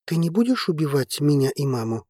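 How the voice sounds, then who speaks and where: A man's voice: on the high side, sing-song, fairly quick, mellow, no echo, studio quality. A man voicing a defiant, angry teenage boy in an audiobook, his tone heated and stubborn. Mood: wary. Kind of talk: audiobook character reading.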